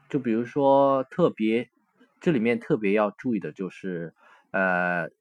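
An Italian language teacher, a man, works through a recorded textbook lesson with patience, pausing on fillers and sometimes correcting himself. His voice sits on the low side, and the sound is dry and close with no echo.

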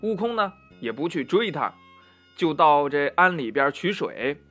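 A man narrating a children's story in a gentle, unhurried way, stretching out the little particles at the ends of phrases. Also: a little high, sing-song, faint music behind.

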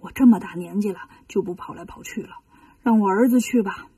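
A woman's voice: mid-range voice, a little fast, dark tone, breathy edge, dry recording, distant mic, voice pushed down, close to an everyday voice. A woman voicing a timid, flustered elderly male dragon king in a children's storybook reading, half-whispering and pleading. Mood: fussy.

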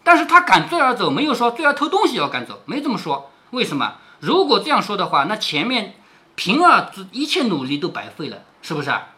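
A man reading a classic novel aloud to his daughter, pausing to explain and asking rhetorical questions. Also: high voice, wildly swooping pitch, bright, forceful tone. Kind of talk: storytelling with explanations.

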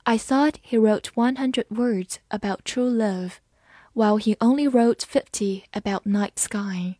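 A woman teaching English vocabulary, saying each word twice and then calmly reading out its meanings and example sentences. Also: a little high, takes it slowly, no room sound, studio quality. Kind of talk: slow vocabulary drill and translation lesson.

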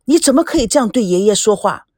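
A good-humoured young man fumbles through hesitant fillers before joking around, as a woman reading the story plays him. His delivery bounces with lively pitch. The sound is dry and close. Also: fast, husky, no echo. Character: young man, jovial older brother, bumbling.

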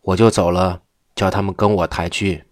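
A man reading the lines of a calm, wry wandering old monk in an unhurried, matter-of-fact way. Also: low-pitched, no echo, clean studio sound, natural voice.

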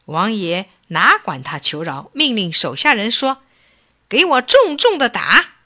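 A woman reading a folk tale aloud in an expressive, unhurried way. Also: lowish voice. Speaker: storyteller.

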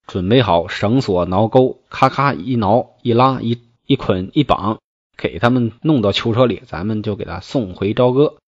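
A man voicing a scheming, smooth-talking male officer with a persuasive, wheedling way of speaking. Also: fairly low pitch. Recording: dull, dry lo-fi recording.

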